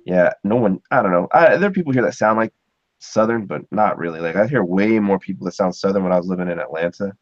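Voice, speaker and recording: He's a fast-talking Ohio podcast host with a low, expressive voice, chatting casually while he rambles, chuckles and fills gaps with filler words. There's no room sound, but the audio is dull and muffled.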